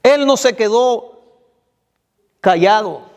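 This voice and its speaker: A man's voice: high-pitched, animated, slow. A man preaching an evening sermon to his congregation, speaking to them directly and repeating phrases for emphasis. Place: church hall. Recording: long reverb of a church hall.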